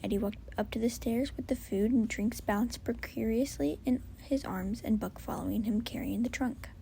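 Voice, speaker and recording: A woman's voice: a little high, normal speed, vocal fry, slight background noise. Whispering woman reading a story. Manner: soft, whispered and hushed. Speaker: story reader. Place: home with a cat.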